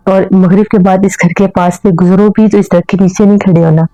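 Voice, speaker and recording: A woman's voice: medium pitch, fairly even intonation, fairly quick, dark tone, dry recording, dull audio, lightly acted. A woman voicing a stern older man who urgently warns of jinn. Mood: urgent warning. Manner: urgent, insistent.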